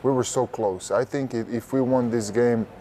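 A young Croatian-speaking basketball player from Croatia gives halting answers in a casual interview inside a large indoor arena, repeating words as he looks for phrasing. Captured on a lapel mic with a little hiss or hum, his mid-range voice is dark in tone with fairly even intonation.

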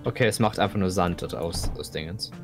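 A man's voice: sits low, brisk, music in the background. A young man playing a video game with a friend, thinking aloud and often repeating words as he searches for them. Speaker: gamer co-playing. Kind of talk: casual gaming chat.

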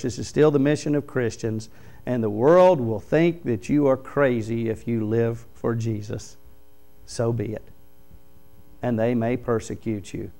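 Middle-aged man preaching from a pulpit. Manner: preaching with wide swings from loud emphatic lines to quiet low ones. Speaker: pastor. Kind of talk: sermon. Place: small church hall, indoors. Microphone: podium microphone.

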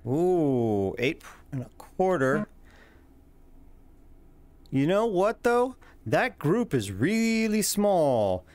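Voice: medium pitch, very animated, drawn-out words, long pauses, darkish tone, a little hiss or hum. A host giving casual, jokey commentary over a video game, playful and given to exclamations. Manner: playful, exclaiming, swearing at slips.

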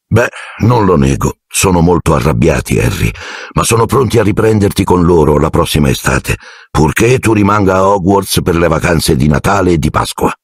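A man's voice: low voice, expressive, moderate pace, slightly rough, no echo, studio quality, heavily acted. A man voicing a fussy, jovial middle-aged minister who talks to a boy in a genial, patronizing and evasive way.

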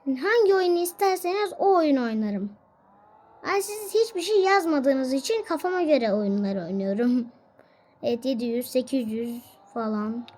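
Excitable high-pitched woman narrating gameplay. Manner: chatty and excitable, frequent exclamations and laughs. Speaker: gaming video host. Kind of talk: casual gameplay commentary.

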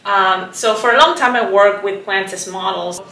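A visual artist from Chile, a woman in her thirties, speaks at a moderate pace in a medium-pitched voice during a reflective documentary interview, thoughtful and soft, leaning on "like" and "um." She's recorded from a distance in an echoey, spacious indoor painting studio.

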